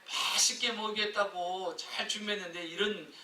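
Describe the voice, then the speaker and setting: A male pastor preaching a sermon, telling a story in a lively way and acting out the people in it, heard in an echoey church hall from a distance. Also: high-pitched, normal speed.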